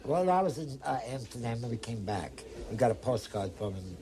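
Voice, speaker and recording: A man's voice: mid-range voice, big pitch swings, fairly quick, background noise. A man reminiscing plainly in a documentary interview.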